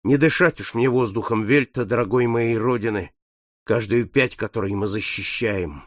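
A man's voice: on the low side, moderate pace, no echo, studio quality, pitched below the performer's own voice, lightly acted. A man voicing a doomed, mournful boy soldier.

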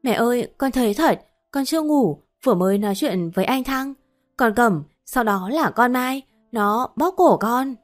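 A woman's voice: a little high, expressive, normal speed, soft background music, natural voice. A woman voicing Sinh, a frightened young daughter-in-law who screams and pleads in panic. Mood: sobbing pleading.

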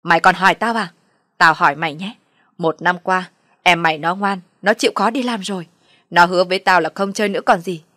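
A woman voicing a bitter older mother-in-law who loudly blames and scolds. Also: a little fast, dry recording, studio quality. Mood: furious. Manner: shrill loud scolding, accusing.

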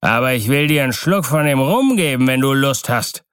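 A man's voice: mid-range voice, animated, normal speed, a bit bright, smooth, dry recording, studio quality, pitched above the performer's own voice, lightly acted. A man voicing a drunk, defiant sailor who bellows and taunts. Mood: mocking. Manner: rowdy, bellowing, slurred. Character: drunk, defiant male sailor, coarse and boastful.

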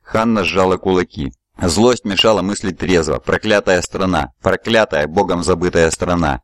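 A man narrating an audiobook in an even, measured reading voice. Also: sits low, dry recording. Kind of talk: scripted narration.

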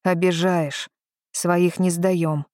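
A woman reading the lines of a gruff, wry old man in an audiobook, slow and drawling. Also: lowish voice, little pitch movement, a little mellow, dry recording, studio quality.

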